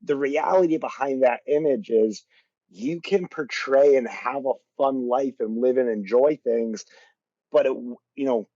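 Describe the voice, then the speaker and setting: A man's voice: mid-range voice, unhurried, warm tone, no room sound, dull audio. A man who is a motivational speaker, talking earnestly as a podcast guest and using many fillers. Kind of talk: casual interview chat.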